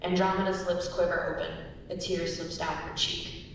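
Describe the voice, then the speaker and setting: At normal speed and with flat delivery, a young woman reads the stage directions as narration during a dramatic reading. The mic sits far away in a very echoey hall, and the recording has hiss and rumble.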